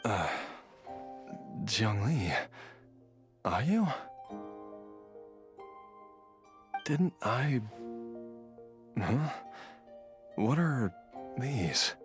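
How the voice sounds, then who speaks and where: Mild bewildered dad, slow halting speech, mid-pitched, game drama, faint music behind. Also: male voice, big pitch swings. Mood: dazed. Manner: hesitant, halting. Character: gentle, bewildered revived husband and father. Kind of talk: anime video game voice acting.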